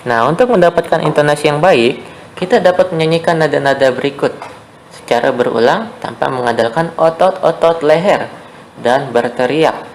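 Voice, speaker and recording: Seorang pria mengajar musik secara daring kepada anak sekolah, suaranya agak tinggi dan kasar berderak di ujung kalimat. Ia bicara sabar, mengulang-ulang, dan ada desis samar di belakang. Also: male voice, a little high, normal speed, slight background noise, rough recording. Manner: patient, repeats key points, checks in with "ya" and "oke". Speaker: teacher. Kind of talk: online music lesson for schoolchildren.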